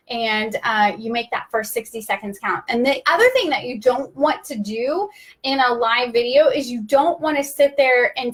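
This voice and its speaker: A woman leads a casual live-stream lesson on video tips. Her voice sits high, and she talks in a rapid, chatty rush, like an auctioneer racing the clock. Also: fairly bright tone. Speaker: social media video trainer.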